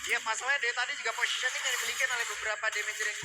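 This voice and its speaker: Very fast, high-pitched Indonesian-accented male esports caster. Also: steady tone. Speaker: esports shoutcaster. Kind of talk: fast game commentary. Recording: loud music behind the voice.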